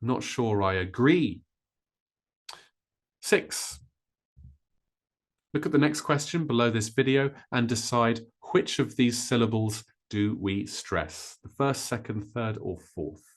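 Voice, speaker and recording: A man teaching an English pronunciation lesson, modelling stressed words with clear, deliberate delivery. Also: mid-range voice.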